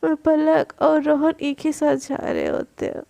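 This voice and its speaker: A woman's voice: high voice, flat delivery, takes it slowly, vocal fry, mellow, dry recording. A woman narrating a serialized story in a plain, conversational retelling.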